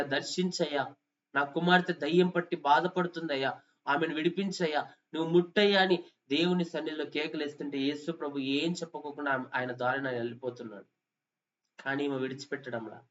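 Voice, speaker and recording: A man's voice: on the high side, a bit bright. A man preaching a sermon, telling a story with impassioned pleading and rising calls. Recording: dull lo-fi sound.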